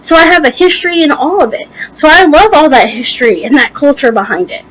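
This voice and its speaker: A young American woman vlogger rants to the camera with strong opinions, her high, fairly quick, slightly bright voice coming through on poor-quality audio. She's heated, emphatic and casually profane. Her allergies make talking hard, and a tongue piercing slightly impedes her speech too.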